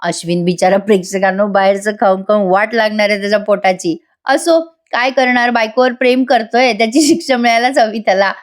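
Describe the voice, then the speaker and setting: A woman's voice: mid-range voice, fairly even intonation, a little fast, few pauses. A woman narrating a voice-over recap of a TV serial, chatty and addressing viewers directly. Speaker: TV serial reviewer.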